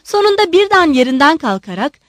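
A woman narrating a literary audiobook in an expressive, measured storytelling manner. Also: high-pitched, no room sound, studio quality.

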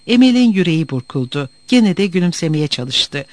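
A man reading a novel aloud as narrator, in an expressive, dramatic way. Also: on the high side, moderate pace, dry recording.

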